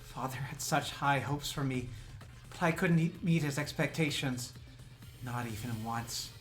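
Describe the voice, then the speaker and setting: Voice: medium pitch, unhurried, close to an everyday voice. A streamer reading a diary entry aloud in character as a self-hating child desperate to please a father, speaking in a bitter, self-reproaching, intense way over faint game music.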